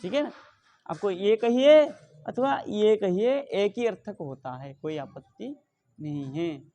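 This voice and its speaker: A middle-aged man teaching Sanskrit grammar, asking questions and answering them himself, reciting the rules slowly. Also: sits high, expressive, warm tone. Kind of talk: explaining grammar rules in a lesson.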